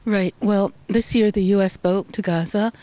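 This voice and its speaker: A woman journalist from Canada answering interview questions in a measured, thoughtful way, often pausing with "um". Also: medium pitch, fairly even intonation, warm tone, no echo. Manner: measured, thoughtful, frequent ums.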